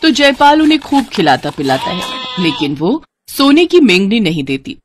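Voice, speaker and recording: A woman narrating a moral cartoon story in an expressive storytelling cadence. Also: medium pitch, normal speed.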